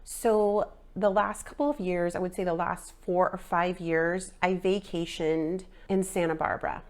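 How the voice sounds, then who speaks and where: A woman in her forties who vlogs about fitness gives a casual, filler-heavy personal update, full of ums and likes, sounding a touch nasal after a sinus infection. Her voice is fairly low, steady, and darkish, and she speaks a little slowly.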